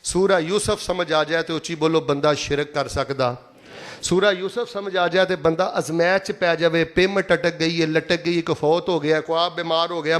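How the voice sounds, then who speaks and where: Emphatic preacher with a Pakistani Punjabi accent. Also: male voice, fairly high pitch. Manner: emphatic, repeats phrases and prompts the crowd to answer aloud. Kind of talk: Friday sermon to a congregation.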